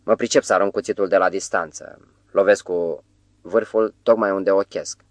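A man reading the part of a proud, stubborn diplomat in a harsh, gruff voice. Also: low voice, steady tone, dry recording, natural voice.

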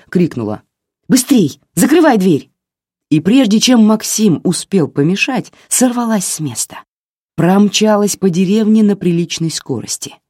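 A narrator reading a novel in an expressive, dramatic way. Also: medium pitch, dry recording, clean studio sound. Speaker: audiobook narrator.

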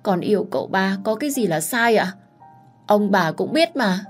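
A woman voicing a young, heartbroken servant girl who is crying and answering back in a raised, shrill voice. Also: expressive, normal speed, faint music behind, natural voice. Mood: indignant. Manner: sobbing, shrill when angry.

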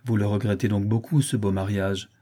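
A man's voice: fairly even intonation, brisk, dark tone, lightly acted. A man reading aloud voicing a haughty, furious old noblewoman who speaks with crushing scorn. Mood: scornful. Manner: scornful, shrill when enraged.

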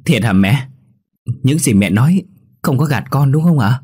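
A man's voice: low-pitched, normal speed, a little mellow, slightly rough, no room sound, clean studio sound. Earnest young son in love, voiced by a man.

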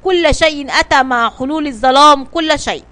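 A panicked male shipwreck survivor pleads with the crew to flee in a children's storybook, as a woman reads him. He repeats his warnings frantically, and the voice sits high. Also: fairly quick, bright, forceful tone. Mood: terrified. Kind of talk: storybook reading.

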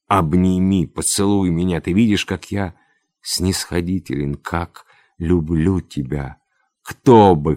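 A man's voice: extremely low pitch, dry recording, exaggerated voice. A man reading aloud, playing a domineering general who presses his suit insistently in a storybook tale. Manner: insistent, wheedling then commanding. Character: domineering older general, pushy suitor.

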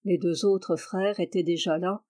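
A woman reading a fairy tale aloud in a measured storytelling manner. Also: fairly low pitch, steady tone, darkish tone. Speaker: audiobook reader. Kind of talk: scripted narration of a fairy tale.

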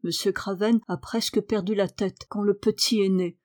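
A woman's voice: medium pitch, steady tone, moderate pace, a little mellow, close to an everyday voice. A woman voicing a fretful young housemaid, worried and pleading.

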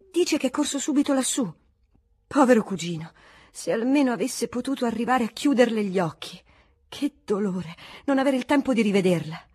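A woman's voice: on the high side, breathy edge, no echo, clean studio sound, pitched above the performer's own voice. A woman voicing an effusive, tearful female cousin who laments and exclaims emotionally.

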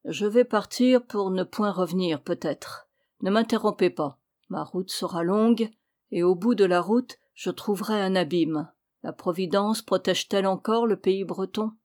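A woman reading the lines of a stern old male nobleman in an audiobook, slow and solemn. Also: medium pitch, a little mellow, natural voice.

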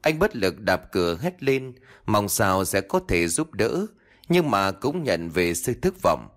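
A man narrating a ghost story in a dramatic, expressive way. His voice sits low and rises and falls freely. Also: measured pace.

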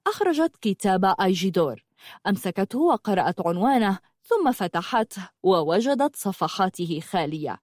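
A woman narrating a fantasy story in an expressive reading style. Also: medium pitch, no echo, studio quality.

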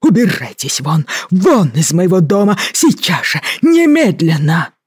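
A reader voicing an enraged male governor who speaks through clenched teeth, slow and raised. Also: medium pitch, animated, darkish tone, breathy edge, dry recording, studio quality. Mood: outraged shouting. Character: enraged male colonial governor, stern guardian.

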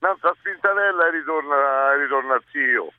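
A man's voice: fairly high pitch, moderate pace, no echo. A man phoning in to a radio show over a landline, rambling and repeating himself. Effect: over a landline phone. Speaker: caller. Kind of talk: call-in radio chat. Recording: tinny dry phone line.

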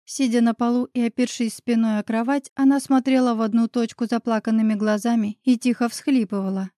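A woman narrating an audiobook in the first person with a steady, even reading. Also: fairly high pitch, fairly quick, dry recording, studio quality.

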